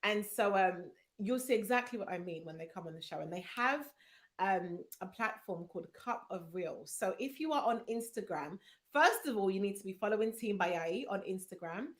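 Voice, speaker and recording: An upbeat, chatty woman hosts a live-streamed interview. She talks freely and fills pauses with plenty of "um"s and "you know"s. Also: mid-range voice, expressive. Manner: chatty, upbeat, many fillers. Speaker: host.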